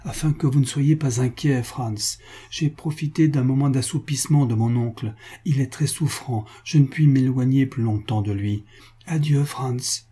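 A man's voice: fairly high pitch, dark tone, husky, voice pushed up. Man voicing Antonine, an anxious young woman in love. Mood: hurried tender. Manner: hurried, tearful pleading.

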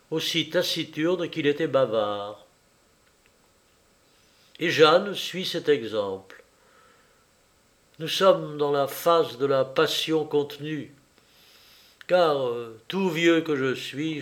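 A man reading a literary novel aloud in a measured, wry and reflective storytelling manner. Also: on the high side. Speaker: audiobook reader. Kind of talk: literary audiobook narration.

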